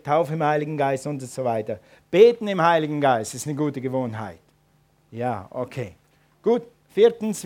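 A man's voice: on the high side, darkish tone. A man preaching a sermon and calling his congregation to respond. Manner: preaching with rising emphatic calls to the congregation. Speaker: pastor.

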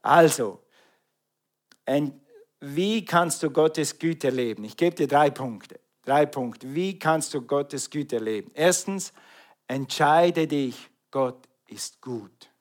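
A middle-aged man from Switzerland with a Swiss German accent, preaching an animated sermon and calling out to the congregation. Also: a little high, takes it slowly.

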